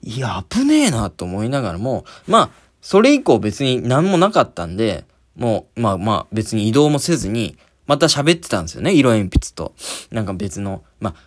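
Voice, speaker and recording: A man hosting a podcast, telling a story in a casual monologue and acting out scenes with sound words. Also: fairly low pitch. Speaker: podcast host.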